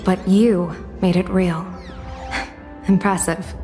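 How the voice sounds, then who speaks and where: A dignified general in a video game. Her lowish voice is stately and composed, measured in delivery, ringing with reverb over faint music. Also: flat delivery, warm tone. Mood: impressed, thoughtful. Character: dignified, composed female general and fortune diviner. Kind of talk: video game character acting.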